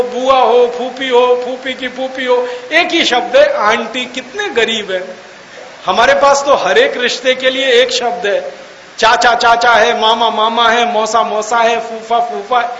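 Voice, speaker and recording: High-pitched man lecturing in an echoey hall. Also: steady tone, a little slow, fairly bright tone, lo-fi sound. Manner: mocking, argumentative, rhetorical questions; spells out words letter by letter for emphasis. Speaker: public speaker. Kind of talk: lecture to an audience. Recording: echoey hall, faint hiss.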